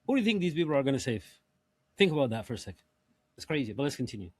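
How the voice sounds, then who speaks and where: A man's voice: medium pitch, big pitch swings, very fast, darkish tone, slightly rough, no echo. A man hosting a reaction show, commenting on clips with emphatic, repetitive phrasing. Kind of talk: casual commentary.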